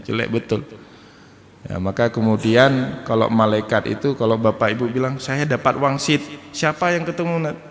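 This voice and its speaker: Male lecturer, mid pitch, animated teaching style, recorded in a reverberant mosque hall. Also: normal speed. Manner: lively teaching, jokes and chuckles, spells out letters. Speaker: Islamic lecturer.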